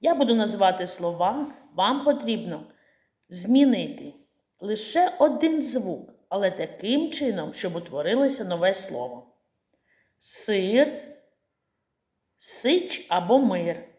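A woman teacher talks to small children in a slow, deliberate way, spelling out each step and answering her own questions. Her voice sits at a middle pitch, and the room around her is echoey. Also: big pitch swings, a little mellow. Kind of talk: slow clear lesson for young children.

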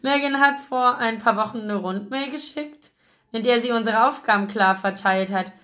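A woman voicing a young man who is a friend, talking in a relaxed and teasing way in an audiobook. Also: on the high side, normal speed. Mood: amused. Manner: grumbling then teasing.

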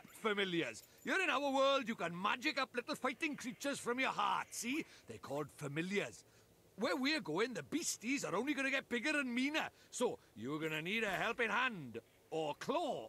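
An actor with a Welsh accent playing a small, cheeky, bossy fairy creature in a video game, chirpy and theatrical. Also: male voice, sits high, big pitch swings, moderate pace, bright, forceful tone, husky, exaggerated voice. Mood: chirpy, instructive.

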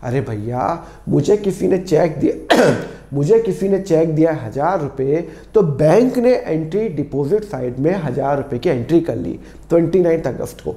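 A man with a sore, hoarse throat teaching an accounts lesson, asking and answering his own questions and repeating key phrases. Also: fairly high pitch, animated, moderate pace, mellow, reverberant. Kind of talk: classroom-style lesson explanation.

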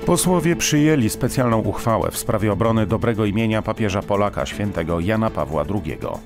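A man's voice: on the low side, a little fast, music in the background. A man reading a formal radio news bulletin in a studio. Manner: steady, formal newsreading.

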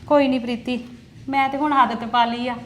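A woman's voice: sits high, steady tone, brisk, slight background noise, natural voice. A woman playing a soothing elder sister-in-law. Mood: calm. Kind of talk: Punjabi family drama acting.

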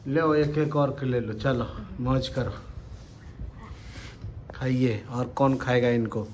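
A man's steady, slightly mellow voice of medium pitch moves at a slow pace as he, a cooking vlogger in his thirties, chats through a casual home cooking demo. Treating viewers as friends, he's recorded on a nearby phone in a roomy tiled kitchen with faint background noise.

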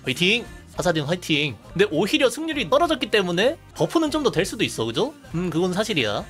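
A man's voice: sits high, wildly swooping pitch, quick pace, a bit bright, soft background music. A young man casually commenting while streaming a game, chatty and laughing, reading chat aloud.

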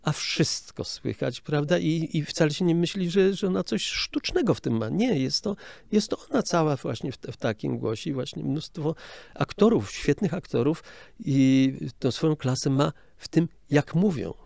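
Gravelly older man explaining film sound. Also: fairly high pitch, animated, moderate pace, darkish tone, no echo, clean studio sound. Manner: explanatory, hesitant, with frequent restarts. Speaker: interview guest, film sound director. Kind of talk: casual interview talk.

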